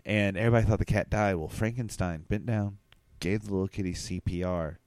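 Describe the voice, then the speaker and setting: A man hosting a casual comedic chat, telling rambling deadpan tall tales with lots of fillers. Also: fairly low pitch, fairly quick, smooth, no room sound.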